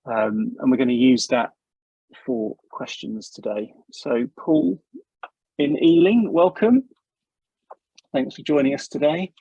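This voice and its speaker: A man's voice: mid-range voice, takes it slowly, pauses often, dark tone, slightly rough, dry recording, dull audio. A man hosting a webinar, chatty and welcoming, joking lightly with his guests over a video call. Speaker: webinar host. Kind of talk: casual webinar welcome chat.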